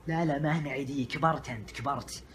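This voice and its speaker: A man's voice: rapid-fire, lightly acted. Man doing a mumbling old Saudi grandpa. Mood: dismissive. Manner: soft, low mutter. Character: quiet old grandfather refusing gifts, grumbling.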